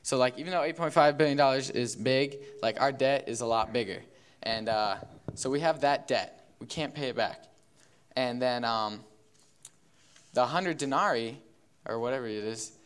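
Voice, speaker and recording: A young man giving a relaxed sermon, full of fillers, who acts out the figures of a parable in quick voices. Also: mid-range voice, slight background noise. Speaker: youth speaker. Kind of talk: casual sermon.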